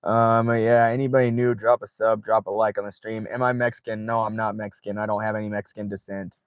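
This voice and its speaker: A man hosts a casual late-night livestream from his car, reading viewer chat aloud, swearing freely, and laughing often. His voice is on the low side, level, fast, and smooth, captured in a dry recording.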